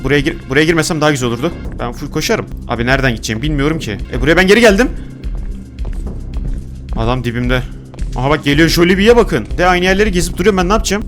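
Young male gaming YouTuber, quick chatter over a game, frantic when chased, light music underneath. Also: on the high side, expressive, a bit bright. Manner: talks to himself while playing, reads game notes aloud. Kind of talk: let's play commentary.

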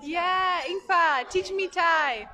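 A young woman in a high, bubbly voice, chatting straight to her viewers. She sounds like she is on a handheld phone camera. Steady diner chatter fills the busy restaurant behind her. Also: slow. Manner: bubbly, addresses viewers directly. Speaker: pageant contestant vlogging. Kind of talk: casual vlog chat.

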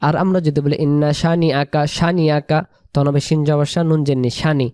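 A man teaching Quran pronunciation, spelling out letters and vowels one by one and repeating each word slowly. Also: on the high side, flat delivery, darkish tone, smooth, no echo, clean studio sound.

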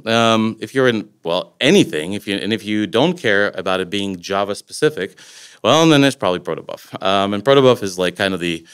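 A fairly low, resonant, clear voice with a fairly bright tone belongs to a Latvian man in his forties speaking at a conference. Using a podium mic indoors, he gives a laid-back technical talk full of fillers and loose, meandering phrasing.

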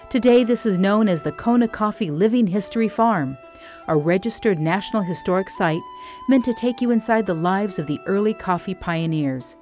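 A woman reading scripted documentary narration in a calm, measured voice-over. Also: mid-range voice. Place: studio voice-over.

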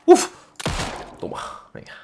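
A man's voice: slow pace, background noise. A man from Spain streaming a game, joking crudely, swearing and chanting a vulgar singsong rhyme. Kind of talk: casual gameplay commentary.

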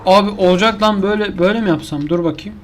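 A man's voice: high voice, fast talker, a little hiss or hum. A man giving casual commentary over his own gameplay, exasperated and complaining to himself as he keeps failing. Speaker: gaming YouTuber.

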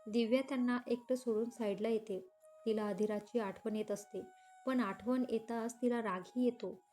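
A woman's voice: a little high, moderate pace, soft background music. Woman narrating a romance story. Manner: steady, expressive reading.

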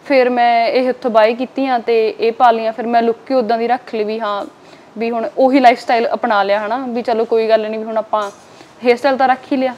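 Guesting in a casual interview, a young Punjabi woman from India talks fast and frankly, sprinkling her plain speech with filler tag words. Her voice sits a little high, with a steady, darkish tone, and the recording's highs are cut off.

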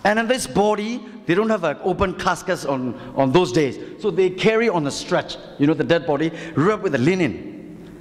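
A male pastor delivers a sermon with a notably high voice. He speaks haltingly, repeating words and asking his listeners questions. The recording carries a long church hall reverb. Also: expressive. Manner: halting, repetitive, asks rhetorical questions.

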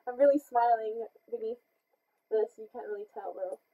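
A young woman speaking through a face mask in a casual vlog update, hesitant, with lots of fillers and soft laughs. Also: a little high, measured pace. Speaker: content creator. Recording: tinny phone-like sound.

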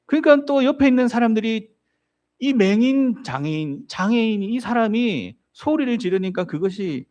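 High-voiced, animated male preacher. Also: normal speed, muffled recording. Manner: asks the congregation rhetorical questions; storytelling, acts out voices in the story. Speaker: pastor. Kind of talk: sermon.

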